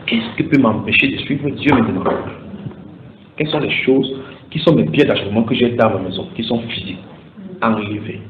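A man preaching a sermon in a church, animated and building to loud exhortation. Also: lowish voice. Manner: animated, rising to loud exhortation, mimics cheering fans. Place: church hall. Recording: echoey room over a tinny phone-like line with faint noise.

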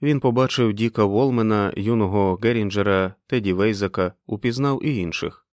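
A man reading a novel aloud as audiobook narration, with expressive storytelling. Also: lowish voice, moderate pace, no room sound, studio quality.

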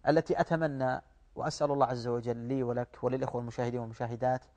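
A man's voice: mid-range voice, fairly even intonation, very fast, darkish tone. A man speaking as a guest religious scholar, explaining in a didactic, rhetorical way in formal Arabic. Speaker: guest Islamic studies scholar.

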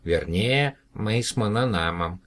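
A man doing a small green alien, calm and earnest. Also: fairly low pitch, unhurried, a little hiss or hum. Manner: earnest, explaining patiently.

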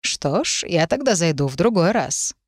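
A woman voicing an elderly female herbalist, shrewd and knowing, with a low, slightly husky voice and a calm, slow, probing manner. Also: no room sound, studio quality.

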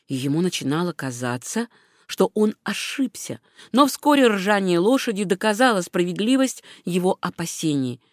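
An audiobook narrator reading a historical adventure in a steady, measured way. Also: medium pitch, no echo, studio quality. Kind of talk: scripted narration.

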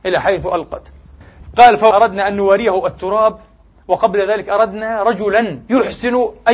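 In a muffled recording, a man with a high-pitched, slightly rough voice preaches a Friday sermon. He addresses the congregation as brothers and sisters, speaking emphatically with sharp rises and falls.

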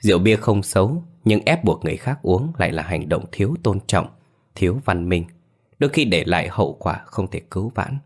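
A man narrating a ghost story in a measured storytelling way. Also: sits low, animated, breathy edge. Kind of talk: scripted horror narration.

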